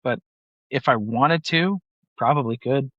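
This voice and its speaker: Speaking at a measured pace in a medium-pitched, fairly bright voice, this Utah man in his forties is a banker guesting on a casual interview. He rambles with plenty of fillers and many "like"s; there's no room sound, but the highs are cut off.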